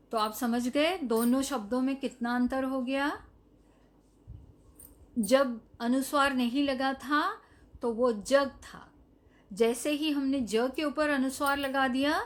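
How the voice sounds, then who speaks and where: A woman teaching Hindi to young children in a recorded lesson, saying each word slowly, repeating it and explaining what it means. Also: fairly high pitch. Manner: slow, drawn-out, repeats each word and its meaning; addresses the children directly, asking them to say the word. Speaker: primary school Hindi teacher.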